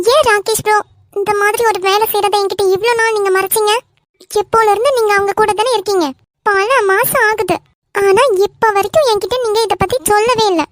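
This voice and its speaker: A woman voicing a quick-tempered young wife in an animated cartoon, with a Kanyakumari Tamil accent and a sharp, scolding manner. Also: very high voice. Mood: reproachful.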